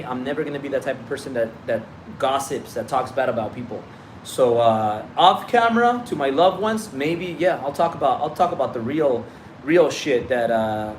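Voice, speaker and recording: A mid-range male voice with a Mexican Spanish accent comes through a phone livestream, with slight background noise. The speaker, a business coach from Mexico and a native Spanish speaker, talks casually and bluntly, swearing and repeating himself without restraint.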